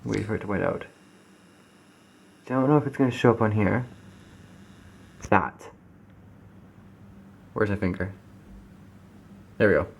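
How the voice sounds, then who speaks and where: Partly in a park and partly indoors, a young man from Canada holds a camera and chats for his casual travel vlog, thinking aloud with rambles and self-corrections. He speaks unhurriedly in a fairly low, gravelly voice, pausing often.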